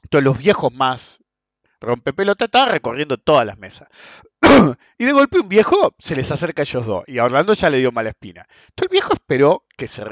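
An Argentine man hosts his podcast with loose, chatty storytelling. His fairly high voice swings widely in pitch, and he keeps clearing his throat and chuckling between remarks. The sound is muffled and lo-fi, with a dry, close feel. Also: no echo. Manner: frequent throat-clearing, chuckles through the telling. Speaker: podcast host. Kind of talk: casual anecdotal storytelling.

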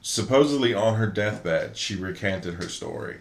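A man's voice: on the low side, lively intonation, normal speed, creaky. A man co-hosting a podcast in casual chat, rambling and profane, often losing his train of thought. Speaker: podcast co-host. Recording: roomy echo.

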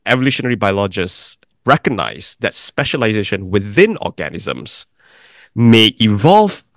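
Measured middle-aged man, low voice. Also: sing-song, fairly bright tone, dry recording, clean studio sound. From Malaysia. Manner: deliberate, explanatory, lists points in sequence. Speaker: investment firm founder, guest. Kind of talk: measured interview answers.

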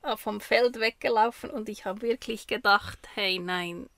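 Woman podcast host with gravelly fry. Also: medium pitch, a little slow, a bit bright, no room sound. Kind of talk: casual podcast chat. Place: small camper van used as studio.

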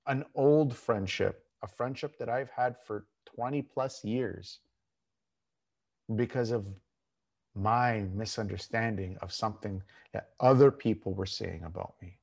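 A man speaking informally and candidly as a coach, giving an emphatic motivational talk with repeated phrases and slowed, stressed words. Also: on the low side, vocal fry, darkish tone. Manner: informal, candid, mildly crude. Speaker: fitness and mindset coach, show host.

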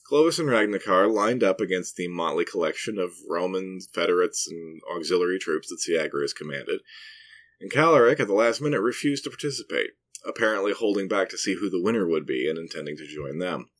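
A man's voice: deep voice, brisk. A middle-aged man hosting a history podcast, reading scripted narration with dry, self-mocking asides.

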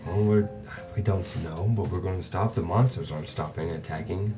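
Male game master, relaxed and chatty, lowish voice; light background music. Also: fairly quick, distant mic. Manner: casual, laughs often, voices NPCs. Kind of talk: narrating a tabletop game.

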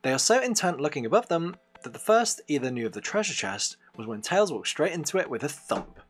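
A man's voice: on the high side, very animated, fairly quick, a little hiss or hum. A man hosting a podcast, reading an adventure game book aloud as game master, with hesitant, filler-heavy asides between passages.

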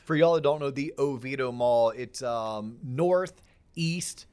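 A middle-aged American man hosting a podcast in casual, animated conversation. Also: medium pitch, slow pace, over a noisy crowd. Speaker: podcast host.

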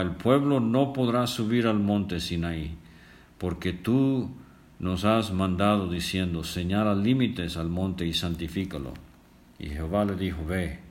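A very deep-voiced older man leads a Bible study in an unhurried, deliberate way. He reads scripture aloud and stops often with fillers to explain it. The voice sits low throughout. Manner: slow, deliberate reading with frequent filler pauses. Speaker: Bible teacher.

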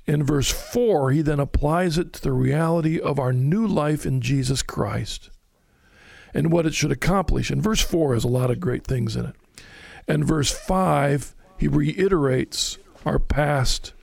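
Male bible teacher, slightly high gravelly voice, dry close sound, explains and reads verses aloud. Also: darkish tone, dry recording. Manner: explanatory, reads scripture aloud, stumbles over words at times. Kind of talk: conversational Bible study teaching.

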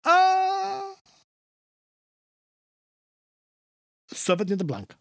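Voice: medium pitch, sing-song, a little fast, no room sound, clean studio sound, close to an everyday voice. A radio co-host voicing a jovial, pushy older Italian-American man who stuffs "a" before every noun and mangles Italian food names. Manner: exaggerated sing-song swoops. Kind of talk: comedic bit in a radio show.

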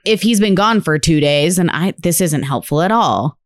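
A woman's voice: fairly low pitch, animated, moderate pace, no room sound, studio quality. A woman co-hosting a podcast in casual, chatty talk, laughing often. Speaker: podcast co-host. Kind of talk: casual chat.

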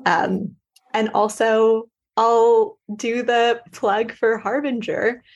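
Husky-voiced woman in casual podcast chat. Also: a little high, steady tone, takes it slowly, muffled recording. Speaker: podcast panelist.

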